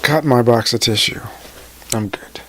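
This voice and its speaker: A man in his forties speaking emotionally to his viewers, halting and tearful, his voice sometimes sinking to a near whisper. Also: medium pitch, background noise. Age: 40s. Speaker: motivational vlogger. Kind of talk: emotional personal talk to camera.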